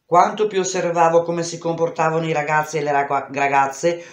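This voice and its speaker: A woman reading a memoir aloud in an intense, expressive way, shouting out the dialogue. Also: low voice, a little fast, roomy sound. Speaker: reader. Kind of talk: dramatic audiobook reading.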